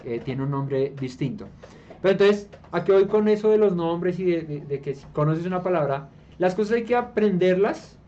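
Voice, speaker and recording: A man's voice: animated, normal speed, dark tone. A man from Colombia with a Colombian Spanish accent, teaching a small group Bible study in a conversational way and often checking in with the listeners. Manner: hesitant restarts while explaining. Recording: dull low-fi room recording with faint hiss.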